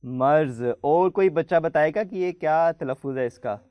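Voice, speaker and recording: A man's voice: fairly high pitch, no room sound, lo-fi sound. Patient male host quizzing children. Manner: patient, spells out letters slowly to quiz children. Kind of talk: friendly studio hosting for children.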